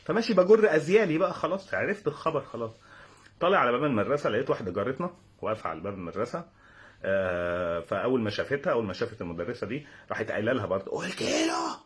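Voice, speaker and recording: A young man with an Egyptian accent tells a funny personal story with exasperated sarcasm. His voice is husky and very animated, and he rattles the words off at a breakneck pace. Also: medium pitch, rapid-fire. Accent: Egyptian Arabic. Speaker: comedic storyteller.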